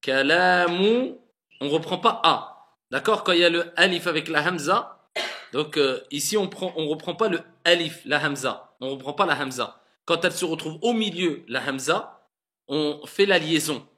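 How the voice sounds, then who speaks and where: Male classroom teacher, bright and fairly high voice, patient and encouraging, drags out words to demonstrate. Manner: patient, repeats words slowly and drawn out to model pronunciation; encouraging, mixes French with Arabic words. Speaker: Arabic reading teacher. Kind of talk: classroom lesson, correcting students' reading.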